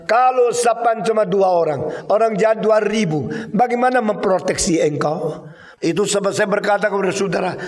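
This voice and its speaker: An older man preaching a sermon as pastor, slow and deliberate, stressing each phrase and repeatedly addressing his listeners. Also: high voice, reverberant.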